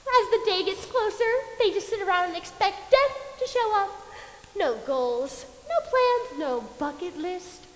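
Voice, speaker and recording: A woman's voice: extremely high pitch, expressive. An actress playing a bubbly, touchy female Angel of Death in a stage musical dress rehearsal. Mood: chatty lecturing. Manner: bubbly, quick to flare up. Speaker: stage actor. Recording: echoey stage from a distance.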